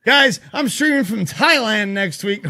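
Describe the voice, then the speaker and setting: A man co-hosting a casual podcast chat, excitable and quick to exclaim. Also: extremely high pitch, vocal fry, background noise. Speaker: podcast co-host.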